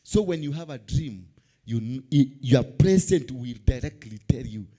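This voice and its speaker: A man's voice: mid-range voice, measured pace, warm tone. A man with a Kenyan accent delivering a church sermon like a TV preacher, emphatic and repeating key phrases as he switches between languages.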